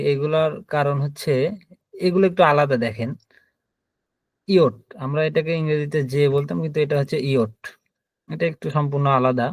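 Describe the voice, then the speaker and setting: A man's voice: medium pitch, a little mellow, no room sound. A man teaching an online language lesson, patiently spelling out the letters one by one. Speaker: German teacher.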